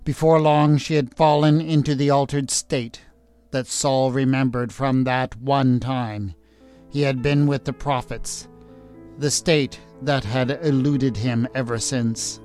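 Slow, deliberate male storyteller. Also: mid-range voice, faint music behind. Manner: deliberate, calm narration with small stumbles. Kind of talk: dramatic story narration.

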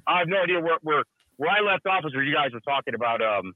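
A middle-aged man talks fast and loose over a thin, tinny cell phone line. His speech is dry, with no room around it. He rambles easily between stories and tosses in "dude" as he goes. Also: a little high, lively intonation, no echo. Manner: laid-back, rambling, says "dude" often. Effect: heard over a cell phone line. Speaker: caller. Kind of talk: casual chat.

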